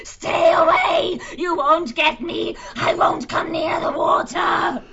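Deranged storybook wildcat queen, performed by a male reader: strained wail, very slow, frightened, high-pitched. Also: fairly even intonation, sharp tone, shouting, lo-fi sound, heavily acted. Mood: panicked raving. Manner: slow, drawn-out incoherent raving. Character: mad, terrified wildcat queen, raving.

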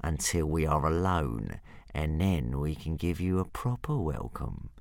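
A man voicing a menacing big hunting dragon in a storybook, with a breathy hissing purr and slow, sinister drawl. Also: rumbling low, sing-song, a little mellow, no room sound, voice pushed down, heavily acted. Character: menacing, sly leopard-sized male hunting dragon.

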